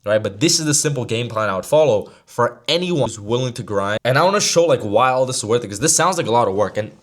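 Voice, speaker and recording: Brash fast-talking young man. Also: medium pitch, lively intonation. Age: about 20. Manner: brash, slangy, straight-talking. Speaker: sales mentor. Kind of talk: motivational talk to camera.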